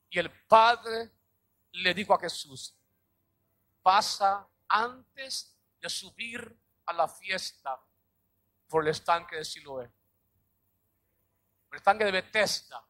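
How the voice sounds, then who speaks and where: A male pastor preaching a sermon, dramatic, acting out little scenes and shouting key lines. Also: high voice.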